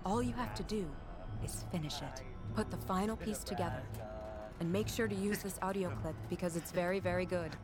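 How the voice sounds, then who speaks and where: A woman voicing a calm, coolly manipulative female AI in an audio drama, speaking in a soothing, even delivery. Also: fairly low pitch, fairly quick, close to an everyday voice. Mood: coolly persuasive. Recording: clip played with music underneath. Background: dramatic score.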